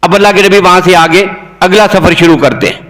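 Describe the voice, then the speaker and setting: A man's voice: fairly bright tone, long reverb tail, rough recording. A man preaching an impassioned sermon as a mufti. His voice leaps up sharply on the phrases he stresses. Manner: impassioned, voice leaping high on emphasized phrases.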